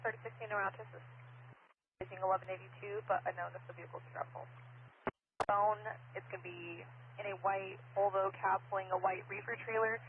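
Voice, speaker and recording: A man's voice: high voice, level tone, brisk. A man working as a police dispatcher over police radio, reading out plates and locations in clipped radio code. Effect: police radio transmission. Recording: tinny police radio with hiss.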